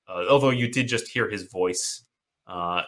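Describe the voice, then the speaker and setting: A man's voice: lowish voice, sharp tone. A man narrating a horror tabletop game as game master, often restarting his phrases and filling gaps with "uh" and "um". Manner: halting, many restarts and fillers.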